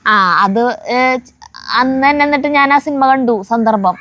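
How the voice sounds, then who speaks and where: A woman with a high-pitched voice and a slightly slow pace co-hosts a family vlog, steadily reading out viewer comments and occasionally pausing to chat and crack jokes. She is outside at home, and the day is windy.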